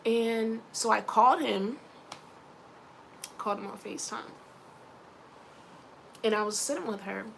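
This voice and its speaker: A young woman vlogger casually telling stories to camera, animated and acting out the people she quotes. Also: fairly high pitch, unhurried, creaky, long pauses, slight background noise, rough recording. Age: young adult. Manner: animated, quoting others in lively voices. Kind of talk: casual storytelling vlog.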